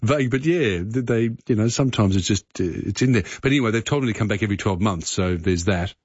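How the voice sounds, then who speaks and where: A man's voice: fairly low pitch, fast talker, a little mellow, husky, no room sound, highs cut off. An Australian man hosting a talkback radio programme in a conversational way. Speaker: radio host.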